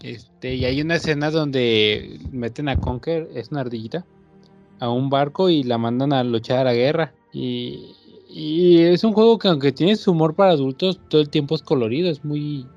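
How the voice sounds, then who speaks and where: A young Mexican man sharing a memory in relaxed, casual chat. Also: medium pitch, normal speed, muffled recording, faint music behind.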